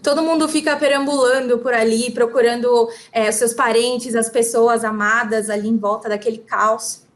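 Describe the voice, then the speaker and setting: A woman with a Brazilian Portuguese accent interprets a talk phrase by phrase. Her voice is high and her delivery fast, and she keeps pace with the speaker. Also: fairly even intonation. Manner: quick, relaying phrase by phrase. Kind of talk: consecutive interpreting.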